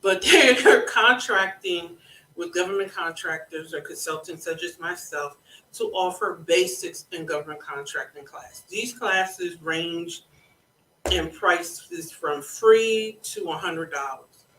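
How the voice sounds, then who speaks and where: Slow, bright-toned consultant with a scratchy throat. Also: medium pitch, recorded from a distance. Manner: deliberate, instructive, repeats points for emphasis. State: scratchy throat, keeps clearing it. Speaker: government contracting consultant and show host. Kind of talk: live educational monologue. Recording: roomy echo, speaking away from the mic.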